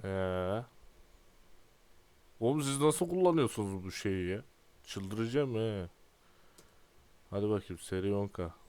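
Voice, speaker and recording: A young man in his twenties giving casual, exasperated gameplay commentary and often clearing his throat. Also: on the low side, expressive, takes it slowly, pauses often, mellow. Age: 20s. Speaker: gaming YouTuber.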